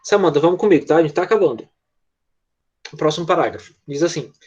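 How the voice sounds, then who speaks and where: A man with a Brazilian accent teaching an English class online, patiently walking pupils through repetition and often checking in with quick tag questions. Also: fairly high pitch, animated, darkish tone, slightly rough, lo-fi sound.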